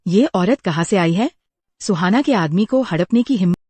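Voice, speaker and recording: Nosy village auntie. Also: female voice, medium pitch, lively intonation, normal speed, darkish tone, husky, no room sound. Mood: scolding. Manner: gossipy, scolding. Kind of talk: dubbed drama acting.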